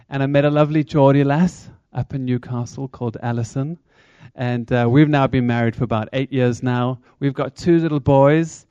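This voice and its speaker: This man from South Africa, speaking with a South African accent, gives a friendly, engaging charity talk at church and poses questions to the crowd. His voice is medium-pitched, smooth, and darkish, with no echo and dull audio.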